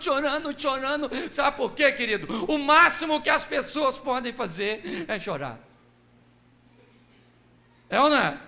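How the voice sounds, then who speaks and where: A man preaching a lively sermon in a Brazilian accent, telling the story with jokes and acting out the people in it. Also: extremely high pitch, creaky. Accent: Brazilian Portuguese. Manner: animated storytelling, acts out quoted voices, jokes. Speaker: pastor. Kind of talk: lively sermon with humorous asides.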